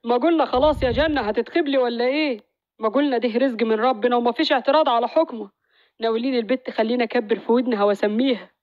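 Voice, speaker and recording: A woman voicing a gentle, teasing young village husband and father. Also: on the high side, rapid-fire, dry recording, lo-fi sound, natural voice. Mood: chiding. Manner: teasing, reassuring.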